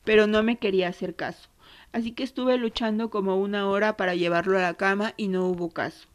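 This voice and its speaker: Woman reading as grieving argentine mom telling what happened, low quiet voice, middle pitch. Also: natural voice. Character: grieving mother recounting her son's death.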